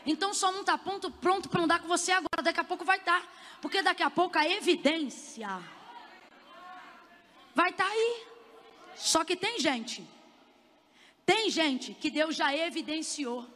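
A woman preacher with a high, bright voice delivers an impassioned sermon, building to fervent shouts. Her words ring out with a long reverb in a big conference hall. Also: expressive, moderate pace, long pauses, slight background noise.

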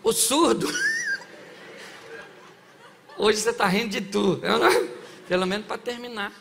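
A man's voice: high voice, wildly swooping pitch, slow, gravelly, noisy background. A man preaching a sermon as pastor, joking with the church and rising to fiery exhortation. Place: church sanctuary. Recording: long church reverb.

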